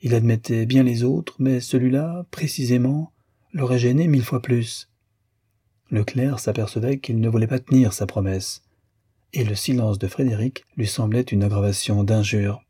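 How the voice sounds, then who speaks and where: Man with a dark husky narrating voice. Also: medium pitch, steady tone, moderate pace, no echo, clean studio sound. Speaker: audiobook narrator. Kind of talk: scripted literary narration.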